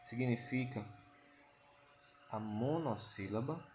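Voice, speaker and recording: A man's voice: mid-range voice, takes it slowly, darkish tone, slight background noise. Patient male teacher. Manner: patient, repeats key points with rhetorical questions. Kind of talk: explanatory online lesson.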